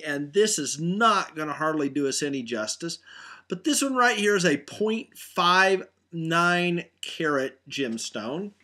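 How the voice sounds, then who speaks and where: A man's voice: on the high side, fairly bright tone. A middle-aged man, a meteorite hunter, talks casually to camera about gemstones, keen and full of fillers and restarts. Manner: enthusiastic, many fillers and restarts. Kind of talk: casual product talk to camera.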